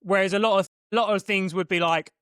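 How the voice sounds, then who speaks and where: This podcast co-host is a young man with a high, clear, resonant voice, a bit bright, with fairly even intonation. The clean studio sound has no echo. He chats casually, rambling quickly with many restarts.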